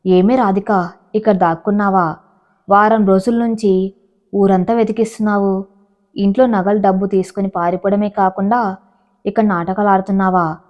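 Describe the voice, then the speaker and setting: A woman narrator takes the part of an angry, wronged middle-aged husband. He speaks with loud, sarcastic accusation. The recording is dull and lo-fi. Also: mid-range voice, fairly even intonation, moderate pace, pauses often, natural voice. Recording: dull lo-fi audio.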